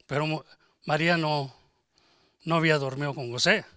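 A man's voice: a little high, steady tone, moderate pace, pushed and bright, no echo, studio quality. A man preaching a sermon, emphatic, asking rhetorical questions and acting out conversations.

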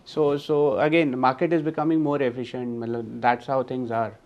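A man with an Indian accent speaking as an investor guest in an interview, explaining in a halting way with the odd Hindi word mixed in. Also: mid-range voice, little pitch movement, a little mellow, highs cut off. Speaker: guest, full-time investor. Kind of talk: conversational interview discussion of investing.

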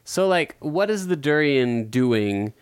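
Young male podcast host, rambling joker, smooth clear voice. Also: on the high side, animated, takes it slowly. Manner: rambling, joking, lots of fillers. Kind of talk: casual chat.

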